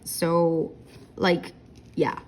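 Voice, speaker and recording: A woman in her thirties talks extremely slowly in a lowish, darkish voice with a completely flat delivery. She's chatting in a diamond painting vlog while crafting, yawning with fatigue, rambling, using fillers and correcting herself.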